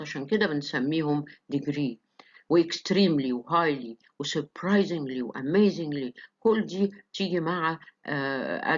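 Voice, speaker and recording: A woman with an Egyptian accent giving a university lecture, explaining step by step with many hesitant fillers. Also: low voice. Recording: muffled lo-fi lecture recording.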